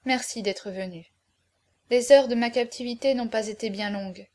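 A woman voicing a noble condemned male hero, speaking in solemn, measured farewell speeches in an audiobook. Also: a little high, darkish tone, close to an everyday voice. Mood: tender. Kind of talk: audiobook character reading.

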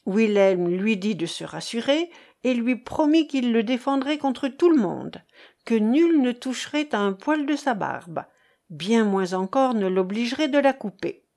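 A woman's voice: a little high, animated, unhurried, dark tone. Woman reading a classic novel aloud. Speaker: audiobook narrator. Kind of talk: scripted narration of a classic novel.

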